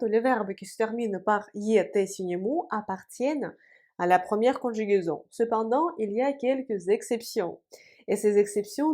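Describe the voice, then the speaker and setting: Slow, careful woman language teacher. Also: mid-range voice, dark tone. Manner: slow, careful, repeating each word for practice; writing on a board while explaining. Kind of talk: video language lesson.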